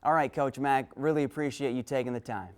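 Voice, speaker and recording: A male sports director with a mid-pitched voice, hosting a TV feature. He asks his questions in a friendly, upbeat way. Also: steady tone, a little fast, very noisy.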